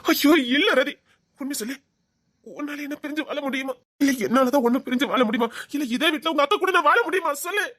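A woman playing a lovesick young man, pleading fast. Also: high voice, fairly bright tone, no echo, clean studio sound. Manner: pleading, repeats her name, emotional threats. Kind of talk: Tamil audio drama acting.

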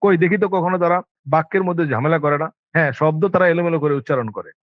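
A fast-talking Arabic teacher, a man with a Bangladeshi Bengali accent and a rather high voice for a man, addresses his students with emphatic insistence and a steady stream of rhetorical questions. The recording is dry and dull, with a lo-fi feel.

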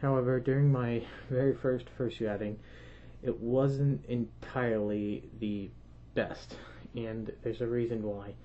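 A man's voice: medium pitch, fairly even intonation, a little slow. A young man telling a story to camera as a vlogger, his voice muffled through a costume head, chatty and rambling with restarts. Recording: slightly dull lo-fi sound with faint noise.

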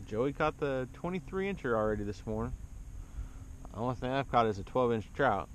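A man's voice: mid-range voice, brisk. A man hosting a fishing vlog, talking casually and jokingly while paddling a kayak outdoors, recorded on an action camera. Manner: relaxed, joking banter. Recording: wind and water noise outdoors.

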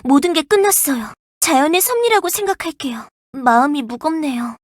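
A voice actress playing a young, earnest and protective firefighter in a game, polite and gentle, snapping into crisp radio-style reports. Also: female voice, sits high, animated, moderate pace, dry recording, studio quality. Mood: somber. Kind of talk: game character voice lines. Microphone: dry studio mic.

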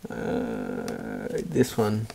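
A man's voice: extremely low pitch, gravelly, a little hiss or hum. A man hosting an online card game with friends, reading the cards aloud and teasing the others with frequent laughs. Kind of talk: casual online game chat.

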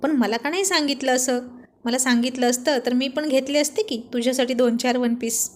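A woman's voice: high voice, brisk, natural voice. Woman voicing a teasing young husband. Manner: teasing, joking banter. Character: playful teasing young husband, loving but cheeky.

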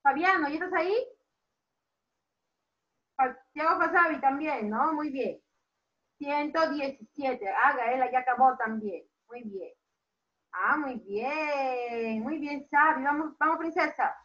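A woman's voice: sits high, slow, long pauses, fairly bright tone. A woman preschool teacher leading an online class for small children, cheerful and coaxing, praising them by name and telling a story. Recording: roomy, distant, dull sound.

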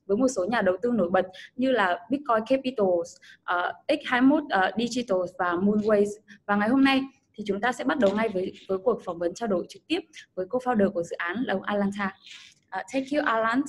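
A young woman hosting an interview over a video call, speaking slow, careful English between Vietnamese lines. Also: a little high. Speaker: interview host. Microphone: video call webcam.

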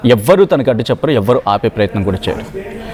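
A man's voice: medium pitch, big pitch swings, fast talker, a little mellow. A man working as a TV anchor, speaking in an earnest, emphatic and consoling way as he presents the story and questions his guest. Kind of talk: emotional news presentation and interview.

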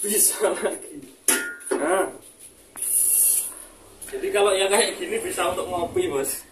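This high-pitched, slow-talking young man is a seller presenting an informal product review and demo, addressing viewers as boss. The recording is a noisy home video with clicks.

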